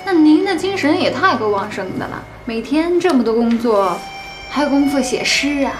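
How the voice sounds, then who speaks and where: A woman's voice: high voice, expressive, moderate pace, echoey room, music in the background. An actress playing a young woman in her twenties, fresh from technical school, who teases her colleague in a TV drama. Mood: teasing. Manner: gently teasing. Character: young female technical-school graduate, teasing, admiring. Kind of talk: TV period drama acting.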